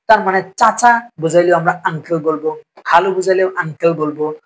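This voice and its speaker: A man's voice: sits high, a bit bright, poor audio. A man teaching a spoken English lesson, explaining patiently and repeating each phrase with frequent check-ins. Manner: explains slowly, repeats phrases, often asks "ঠিক আছে?".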